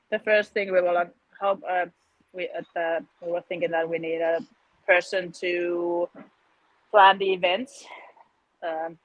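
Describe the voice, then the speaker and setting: Flat-voiced woman guest. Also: fairly low pitch, dry recording, lo-fi sound. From Finland. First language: Finnish. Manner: laughs often, halting with fillers. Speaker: competition founder, guest. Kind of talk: casual interview chat.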